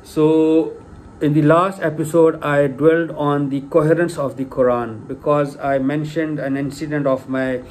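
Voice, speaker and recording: A middle-aged native Urdu speaker, a lay religious lecturer, talks informally and hesitantly, full of fillers and restarts, before emphatically stressing key points. His voice is on the high side and darkish, level in tone and unhurried. A little hiss or hum can be heard.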